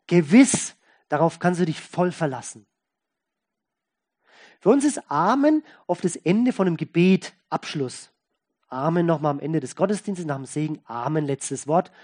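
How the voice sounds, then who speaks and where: A pastor delivers a sermon. The tone is folksy and conversational, with key words stressed and repeated, and the voice keeps moving between loud emphasis and soft asides. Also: medium pitch.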